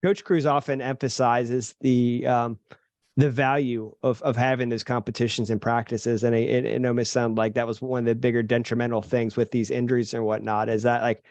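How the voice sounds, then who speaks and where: A man co-hosting a sports podcast, asking loose, halting questions in casual chat. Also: medium pitch, flat delivery, darkish tone, no room sound. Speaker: podcast co-host.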